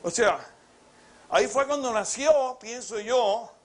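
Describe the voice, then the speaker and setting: A man's voice: extremely high pitch, takes it slowly. A man preaching a sermon with rhetorical questions, acting out biblical dialogue as he goes.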